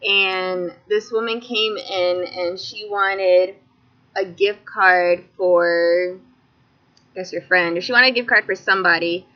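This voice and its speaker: A young woman as a podcast guest, telling a work story in relaxed casual chat. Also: fairly low pitch, slow pace. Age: young adult. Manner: relaxed storytelling with quoted dialogue. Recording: dull lo-fi podcast audio.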